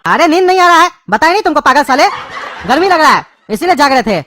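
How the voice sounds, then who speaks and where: A woman voicing an irritable, bossy middle-aged father in a cartoon, speaking fast and gruffly. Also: sits high, very animated, a bit bright, slight background noise. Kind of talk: cartoon dubbing.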